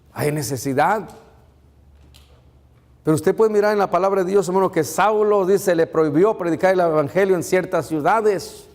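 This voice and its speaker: Man, pastor, sermon, higher-pitched voice, long church echo. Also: a little mellow. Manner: preaching with rhetorical questions, calling out to the congregation.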